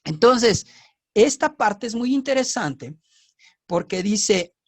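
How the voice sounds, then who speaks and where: A man with a Mexican accent, teaching scripture in a casual, lively style and often asking his listeners rhetorical questions. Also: high voice, takes it slowly. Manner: animated, asks the audience rhetorical questions.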